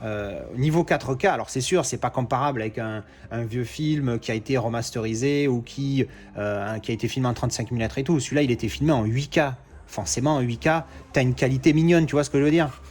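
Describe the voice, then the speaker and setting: Casting: chatty guy, mid-pitched, gushing collector, rambling. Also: a little fast. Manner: chatty, excitable, lots of fillers and self-corrections. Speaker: collector unboxing discs. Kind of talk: casual unboxing vlog.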